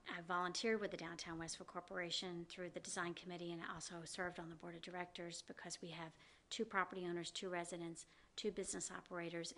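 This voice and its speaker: With a fairly low but slightly bright voice, a middle-aged woman from the American South answers interview questions in earnest. She carries a faint Southern accent, leans heavily on ums and you-knows, and is being interviewed as executive director of a downtown organization.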